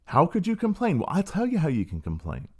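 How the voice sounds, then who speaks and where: A man's voice: a little high, huge pitch swings, fairly quick, a little mellow, husky. A middle-aged man hosting a podcast, telling a story in a sardonic, casual monologue. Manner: sardonic, storytelling with acted quotes. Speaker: podcast host.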